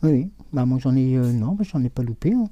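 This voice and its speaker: A man's voice: medium pitch, expressive, a little fast, warm tone, lo-fi sound, a little hiss or hum. A man giving a live oracle card reading, hesitant and full of fillers, answering viewers' comments as he goes. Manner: hesitant, many fillers and restarts.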